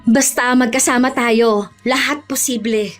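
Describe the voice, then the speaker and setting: A woman plays a devoted young wife working abroad as a fire dancer with her husband. Her voice is fairly high and tender toward him. Soft music sits under the scene. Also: steady tone, unhurried, lightly acted. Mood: hopeful. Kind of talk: radio drama acting.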